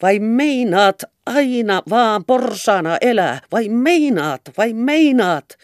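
Woman doing a stern agitated mother, sharp scolding commands, high strained pitch, slow drawn-out words, dry close sound. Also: lively intonation, no room sound, lightly acted. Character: agitated working-class mother, stern and emotional.

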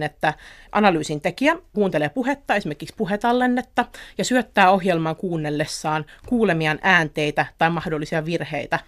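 A woman, a research assistant, explaining her work in a radio interview in a methodical, explanatory way. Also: low voice.

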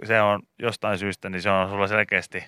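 Male radio co-host, bright dry studio voice, chatty and rambling, casual banter. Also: lowish voice, flat delivery, smooth, dry recording. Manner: chatty, rambling, laughs often. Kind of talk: casual morning radio chat.

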